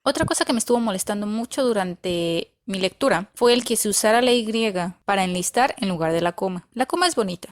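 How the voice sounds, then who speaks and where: A woman talks through a book review in a casual, unscripted way. Her voice sits at an ordinary mid pitch, and she is blunt and opinionated, pressing her points by repeating them. Dry, sarcastic asides run through her talk.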